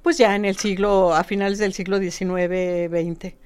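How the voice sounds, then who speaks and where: A woman, a guest expert explaining history in lively, casual conversation, often tagging lines with a questioning "no". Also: medium pitch, moderate pace, a little hiss or hum. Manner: lively storytelling with repeated "¿no?" tags.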